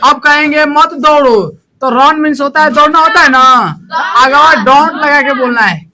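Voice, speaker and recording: Guy teaching english in class, high voice, slow and loud, keeps drilling and asking if they get it. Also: slight background noise. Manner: loud, drilling phrases with repeated checks for understanding.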